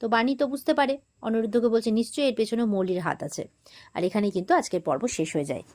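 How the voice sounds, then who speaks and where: Speaking quickly in a slightly high, darkish voice, this West Bengal-accented woman runs a channel recapping TV serials. Her retelling is informal and chatty, peppered with quoted exchanges between characters.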